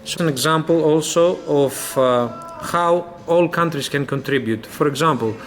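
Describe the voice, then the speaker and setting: A man from Greece interviewing a guest, framing long, deliberate questions. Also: a little high, a little hiss or hum.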